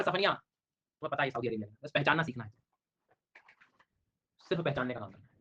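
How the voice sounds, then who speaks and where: Brisk bright-voiced joking male teacher. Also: fairly high pitch. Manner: joking, teasing students while drilling names. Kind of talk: online exam-prep lecture. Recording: dull lo-fi online class audio.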